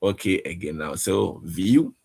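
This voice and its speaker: A man teaching a casual online language lesson, speaking haltingly and often checking in with "okay?". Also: low-pitched, lively intonation, vocal fry, a little mellow, slightly rough.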